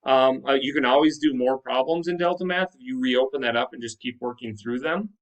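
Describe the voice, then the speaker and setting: A man's voice: mid-range voice, a little fast. A man teaching like a teacher to his class, explaining step by step in an instructive way and posing questions to check understanding. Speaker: high school math teacher. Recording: distant microphone.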